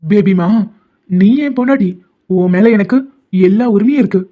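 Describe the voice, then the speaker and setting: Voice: mid-range voice, moderate pace, lightly acted. A voice actor playing a stubborn young man, a doctor, who teases the heroine with pet names and insists she is his wife. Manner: teasing, stubborn, calls her pet names. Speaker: male lead. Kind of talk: animated love-story dubbing. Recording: dull lo-fi audio with faint music.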